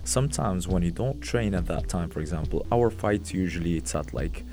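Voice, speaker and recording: A man's voice: sits low, lively intonation, moderate pace, warm tone. A man with a North African Moroccan accent mixed with north-east English Geordie, chatting casually as a fighter being interviewed. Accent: Moroccan mixed with north-east English Geordie and Mackem. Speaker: MMA fighter, interview guest. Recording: music playing behind the voice.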